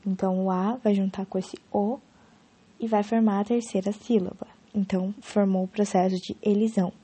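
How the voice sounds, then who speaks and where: A woman's voice: mid-range voice, level tone, moderate pace, dark tone, slightly rough. A young woman giving an informal spoken lesson on poetry, explaining casually with frequent restarts and fillers.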